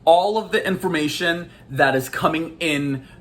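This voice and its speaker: In a casual video, a male life coach explains a topic in a playful, animated way, laughing often. His pitch is fairly high and his pace moderate.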